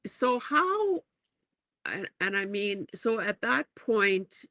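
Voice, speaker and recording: A woman hosting a livestream interview, responding slowly and thoughtfully with many fillers. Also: mid-range voice, big pitch swings, sharp tone, dry recording. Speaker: host.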